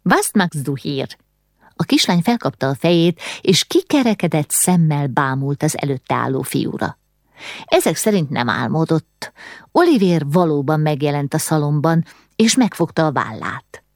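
A woman reads a novel aloud in a steady, measured storytelling voice. Her voice sits low for a woman. The recording is close and completely dry. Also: no room sound. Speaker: audiobook narrator. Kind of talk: scripted narration of a novel.

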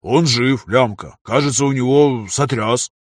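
A man voicing a caring male gladiator friend in an audiobook, gentle and reassuring, with a husky voice. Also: medium pitch, a little slow, no room sound, studio quality, natural voice. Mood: concerned. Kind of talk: audiobook character voice.

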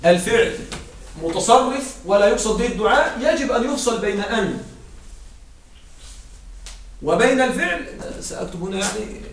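A man teaching an Arabic grammar lesson in a classroom, often asking his students whether they follow, and reciting verses slowly and drawn out. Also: high voice, lively intonation. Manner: checks understanding with frequent "right?". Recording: echoey room, distant mic, faint hiss.

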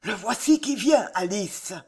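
A narrator voicing an old woman companion who urges in a hushed, brisk way in an audiobook reading. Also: medium pitch, expressive, slightly rough, voice pushed up. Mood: urging. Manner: hushed, urging.

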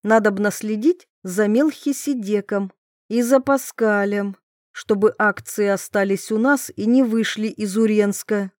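A woman reading a novel aloud as narrator in a measured, expressive manner. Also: mid-range voice, no room sound, studio quality. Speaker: audiobook reader. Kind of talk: literary audiobook narration.

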